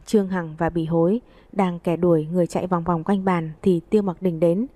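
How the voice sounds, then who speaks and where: Brief: woman audiobook narrator, steady reading, warm low-bright tone, dry studio sound. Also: fairly quick, no room sound. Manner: steady, even storytelling.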